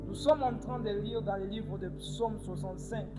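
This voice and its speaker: A man preaching a sermon in short phrases, pausing for his interpreter and rising to emphatic cries. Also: high voice, over loud music, poor audio.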